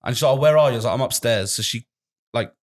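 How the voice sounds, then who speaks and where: A podcast co-host in his 20s tells a rambling story in casual chat, swearing and laughing as he goes. He talks very fast in a mid-range voice.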